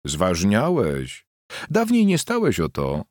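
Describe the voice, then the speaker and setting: A man reading an audiobook, voicing a shrill, sharp-tongued peasant wife who scolds and mocks her husband. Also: wildly swooping pitch, takes it slowly, dry recording, studio quality, exaggerated voice. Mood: scolding. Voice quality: shrill, mocking and jeering.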